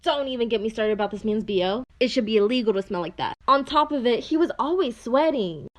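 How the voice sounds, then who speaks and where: A young woman telling a casual story-time monologue in a dry, mocking, deadpan way. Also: fairly high pitch, fast.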